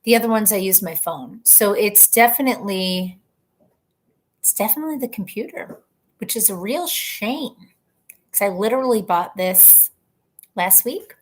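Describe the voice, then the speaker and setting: This livestream host talks from her home computer through its webcam mic, greeting viewers by name and making self-deprecating jokes. She has an expressive, medium-pitched voice at normal speed, broken by long pauses.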